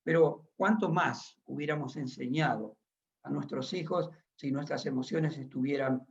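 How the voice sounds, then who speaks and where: A man's voice: medium pitch, normal speed, creaky. A middle-aged man preaching a sermon as pastor, emphatic and asking the congregation questions. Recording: dull lo-fi recording.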